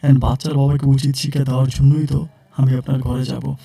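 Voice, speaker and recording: A man voicing a secretive, stubborn young woman who talks bluntly and repeats herself, in a gravelly, husky voice. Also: medium pitch, flat delivery, fairly quick, warm tone. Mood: insistent.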